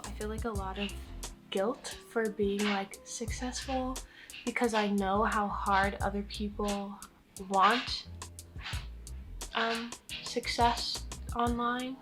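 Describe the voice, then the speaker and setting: A woman's voice: mid-range voice, fairly even intonation, slow pace, music in the background. A young American woman chatting casually and candidly in a Q&A vlog, self-deprecating and swearing freely. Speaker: vlogger.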